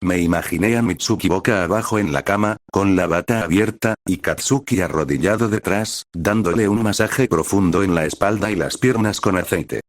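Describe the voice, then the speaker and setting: A man narrating a first-person story in a slow, even reading voice. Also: deep voice, no echo, clean studio sound.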